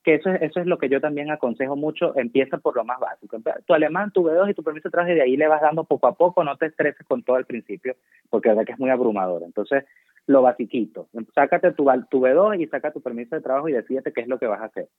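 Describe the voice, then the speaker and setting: A man's voice: mid-range voice, fast talker, no room sound. Venezuelan man on a tinny phone line. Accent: Venezuelan Spanish. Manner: chatty, digressive, self-mocking. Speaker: guest doctor working abroad. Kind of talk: casual interview chat.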